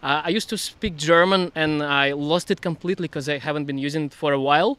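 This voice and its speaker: A man's voice: a little high, fast talker, a bit bright, clean tone, no room sound. A man in his thirties from Russia, speaking with a Russian accent as an interview guest, hesitant and laughing often. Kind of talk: casual interview chat.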